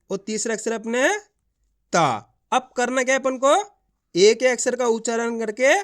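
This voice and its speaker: A male teacher giving an online reading lesson, sounding words out syllable by syllable and answering his own questions. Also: high voice. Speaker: Hindi teacher.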